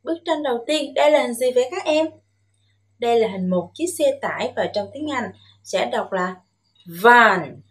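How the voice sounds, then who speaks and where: A Vietnamese woman with a fairly high voice teaches English to young children in a bilingual classroom. She models words slowly and emphatically for the kids to repeat and encourages them with gentle questions.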